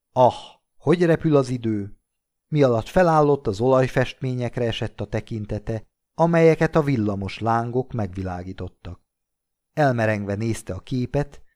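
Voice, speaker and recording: A man reading classic literary fiction aloud, narrating in a measured, steady way. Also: medium pitch. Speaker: audiobook reader.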